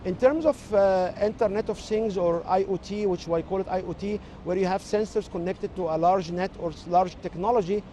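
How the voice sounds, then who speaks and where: Answering interview questions in a measured, explanatory way, this tech expert speaks with an Egyptian accent, Arabic being his native tongue. The voice is high and warm, with slight background noise.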